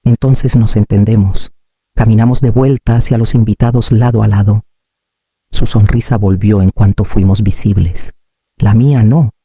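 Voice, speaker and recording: A woman narrating a scripted story in a calm, measured way. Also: extremely low pitch, breathy edge, dry recording, studio quality.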